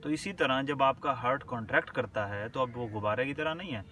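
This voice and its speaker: A man lecturing on medicine with a bright, forceful voice that sits a little away from the mic. He reads definitions slowly, then explains them in a relaxed, conversational way and often pauses to check in with his listeners. Faint background noise runs under the recording. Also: medium pitch, far from the mic. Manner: checks in often with short confirming words.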